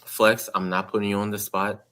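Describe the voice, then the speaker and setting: Low-voiced man chatting on a podcast. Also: flat delivery, moderate pace, sharp tone, clean tone. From New York. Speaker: podcast host. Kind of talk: casual chat.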